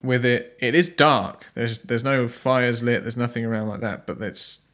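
A man narrating an improvised tabletop game as game master, halting as he searches for words. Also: mid-range voice, steady tone, a bit bright.

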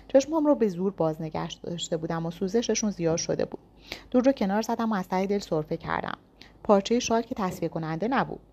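A woman's voice: medium pitch, darkish tone. A woman reading a first-person thriller story aloud with tense, dramatic storytelling. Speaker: narrator.

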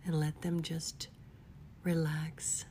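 Female meditation guide, soft spa-style whisper, mellow and flat in pitch, gentle and unhurried. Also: a little hiss or hum. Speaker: guided relaxation leader.

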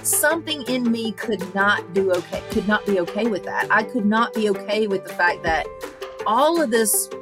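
A woman speaking as a therapist guest, earnest and halting with many filler pauses. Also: mid-range voice, animated, over music. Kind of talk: casual interview talk.

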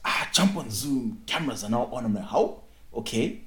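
A lively man from Zimbabwe spins podcast stories, his pitch leaping around as he acts out what people said. His voice rings with a roomy echo, like an untreated room. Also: fairly quick, crowd noise. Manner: animated storyteller, acts out quotes. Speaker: podcast co-host. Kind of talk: casual podcast chat.

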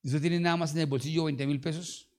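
A middle-aged man with a Colombian Spanish accent, a pastor preaching a sermon with lively storytelling and call-and-response. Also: fairly high pitch, fast talker.

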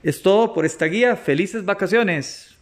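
A man teaching a music lesson, patiently explaining rhythm exercises and counting beats aloud. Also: high-pitched. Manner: patient, slow, counts beats aloud and demonstrates claps and shushes. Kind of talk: explanatory lesson audio for students.

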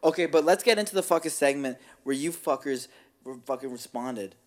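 A man's voice: mid-range voice, a little fast. A young man co-hosting a podcast, talking in casual, slangy, profane banter. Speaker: podcast co-host. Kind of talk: casual chat.

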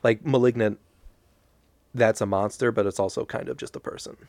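A man's voice: on the low side, fairly even intonation, moderate pace, creaky, darkish tone, dry recording. A man co-hosting a podcast in casual chat, making dry, wry jokes. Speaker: podcast co-host.

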